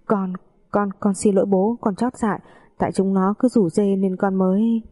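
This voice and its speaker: A woman's voice: medium pitch, fairly even intonation, normal speed, mellow, natural voice. A woman voicing a wayward young man who stammers and begs his father for help, in a storybook reading. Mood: ashamed. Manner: stammering, begging.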